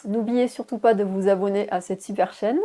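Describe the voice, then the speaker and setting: A young woman teaching English in a casual video lesson, spelling words letter by letter and adding little fillers, her voice a bit worn as she clears her throat. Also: medium pitch, steady tone, fairly quick, mellow.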